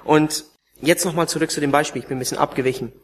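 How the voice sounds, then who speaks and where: A man preaching with strong feeling, his voice sitting a little high for a man. He climbs into loud, urgent pleading, then sinks to soft, breathy near-whispers as he tells his own story to the congregation. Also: fairly even intonation, fast talker, slight background noise. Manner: emotional, swinging between raised pleading and hushed near-whispers. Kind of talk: sermon testimony.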